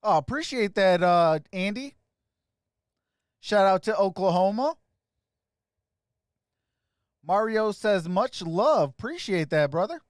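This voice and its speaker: A man hosting a sports live stream, casually greeting viewers by name and giving shout-outs as he reads their comments. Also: high voice, dry recording, studio quality.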